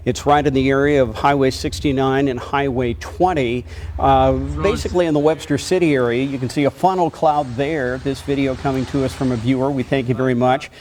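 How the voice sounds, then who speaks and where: Guy anchoring live breaking news, kinda halting and off the cuff, bit of noise behind him. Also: mid-range voice, steady tone, a little mellow. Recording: faint background noise.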